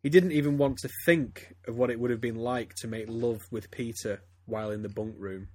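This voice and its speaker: A man's voice: mid-range voice, fairly even intonation, fairly quick, slight background noise. A man reading fan fiction aloud to friends, stumbling and breaking into laughter as he goes. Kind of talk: casual comedic reading aloud.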